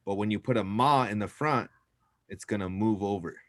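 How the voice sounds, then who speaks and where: A man's voice: on the low side, moderate pace, no echo. A man teaching a language class, patiently explaining pronunciation step by step.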